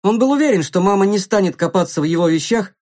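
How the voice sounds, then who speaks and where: A narrator reading a storybook aloud in an expressive, playful way. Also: mid-range voice, quick pace.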